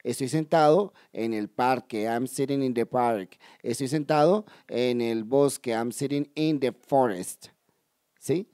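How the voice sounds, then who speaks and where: A man teaching English in a video lesson, explaining step by step, addressing viewers directly and slowly repeating key words. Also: medium pitch, mellow, clear, resonant tone, no echo, studio quality. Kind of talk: video lesson for Spanish speakers.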